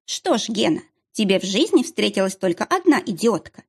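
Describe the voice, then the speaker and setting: A woman voicing a sharp-tongued, mocking young heroine with biting, sarcastic retorts. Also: mid-range voice, sing-song, a little fast, breathy edge.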